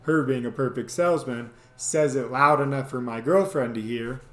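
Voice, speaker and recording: Over soft background music, a man with a mid-range voice tells a casual, humorous story about himself as host, at a moderate pace. He animatedly plays out quoted lines and sound effects, in an echoey, roomy recording.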